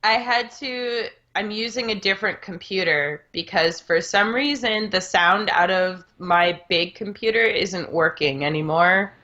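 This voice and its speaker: A woman's voice: medium pitch, a little slow, few pauses, pushed and bright, highs cut off. A young adult woman co-hosting a casual podcast chat, heard through a phone speaker, rambling with lots of filler words. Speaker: podcast co-host.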